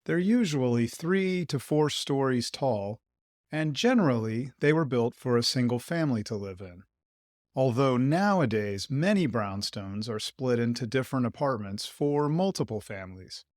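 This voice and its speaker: A man narrating an English lesson in a clear, measured, explanatory way. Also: mid-range voice, lively intonation, a little mellow, no echo, clean studio sound. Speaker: podcast host teaching English.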